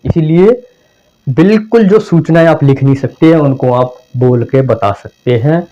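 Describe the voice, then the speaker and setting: His voice sits on the high side and has a dark tone, and he speaks in an unhurried way. This teacher leads a conversational exam-prep lesson, repeating ideas and acting out phrasings for meaning. The recording is dull and lo-fi, made at home.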